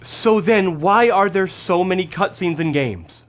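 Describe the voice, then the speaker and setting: A man hosts and narrates a scripted video essay, using emphatic, dramatic phrasing along with conversational asides. His high, expressive voice has a fairly bright tone and a measured pace, with background music playing behind him.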